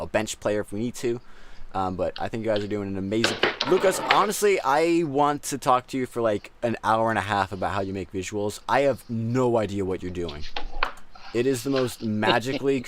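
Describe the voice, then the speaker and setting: A man hosts a live stream over a video call, talking casually and eagerly, often restarting his sentences. His voice sits on the low side. A faint hiss runs underneath. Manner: upbeat, chatty, rambling with restarts. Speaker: host of a live art battle stream.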